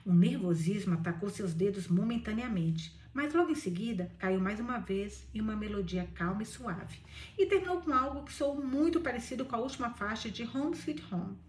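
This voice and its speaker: A woman's voice: medium pitch, animated, normal speed, darkish tone, reverberant, distant mic, a little hiss or hum. A woman with a Brazilian accent reading a novel aloud for a book club, breaking off into gushing asides to her listeners. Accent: Brazilian Portuguese.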